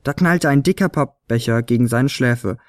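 A man narrating a children's Christmas story in a lively, expressive reading. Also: mid-range voice, normal speed, no room sound, clean studio sound.

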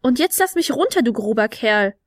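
A woman voicing a proud, touchy little male goblin with a squeaky voice who takes offence easily. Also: expressive, moderate pace, dry recording, clean studio sound, natural voice. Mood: indignant. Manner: indignant, bossy.

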